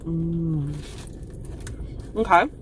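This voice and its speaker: A woman's voice: low-pitched, extremely slow. A woman reviewing food in a casual vlog, talking while chewing with her mouth full. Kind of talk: casual car vlog taste test. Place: inside a parked car. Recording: car interior with road noise.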